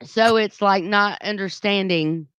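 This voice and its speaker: A woman's voice: mid-range voice, measured pace, fairly bright tone, smooth, no room sound, dull audio. Southern woman co-hosting morning radio. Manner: chatty, reads news then riffs casually. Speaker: radio co-host. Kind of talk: casual morning radio chat. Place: radio studio. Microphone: studio microphone.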